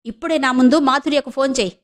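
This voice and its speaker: A woman voicing a stern, proud middle-aged mother who scolds her son with sharp questions. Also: high voice, fast, voice pushed up, natural voice. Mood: scolding.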